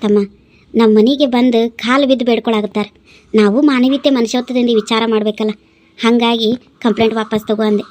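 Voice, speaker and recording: High-voiced woman, dialect. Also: fairly even intonation, brisk, darkish tone. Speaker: voice actor voicing several cartoon women. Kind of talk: cartoon story dubbing.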